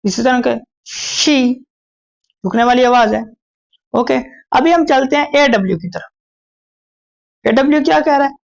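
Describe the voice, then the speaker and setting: Higher-voiced woman teaching shorthand. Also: animated, gravelly. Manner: explains slowly, repeating phrases, many fillers. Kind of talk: recorded lecture. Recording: dull lo-fi recording.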